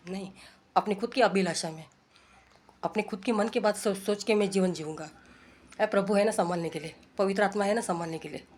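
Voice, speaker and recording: A woman delivers an informal sermon in an earnest, exhorting way. She repeats her points and keeps checking in with her listeners through rhetorical questions, as in a casual home talk. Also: medium pitch. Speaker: preacher.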